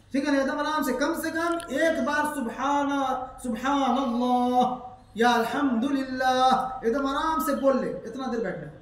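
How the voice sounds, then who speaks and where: A man teaching step by step how to pray, repeating points, asking his student questions, and chanting the prayers slowly. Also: very high voice, fairly bright tone, a little hiss or hum. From India. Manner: slow melodic chanting of prayers. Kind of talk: step-by-step prayer lesson with recitation. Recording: echoey room, voice from far off.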